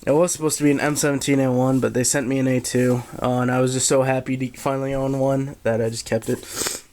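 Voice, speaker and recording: A man giving a casual, unscripted gear review in a halting, low-key way with frequent pauses. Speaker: military surplus collector reviewing gear. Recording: steady background noise, handheld camera.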